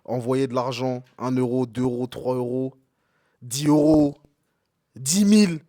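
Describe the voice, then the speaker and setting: A man's voice: mid-range voice, fairly even intonation, a little slow, dark tone. A man co-hosting a live show, chatting casually and hyping the crowd. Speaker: podcast co-host. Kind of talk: casual live-stream chat.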